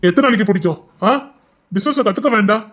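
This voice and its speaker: A man's voice: high-pitched, fast talker, fairly bright tone. A man playing a stern, insistent husband who scolds his wife in a colloquial family drama.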